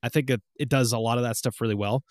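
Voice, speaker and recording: A man in casual podcast chat, telling stories in an animated way and acting out his own reactions. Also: mid-range voice, quick pace, no echo, clean studio sound. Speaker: podcast co-host.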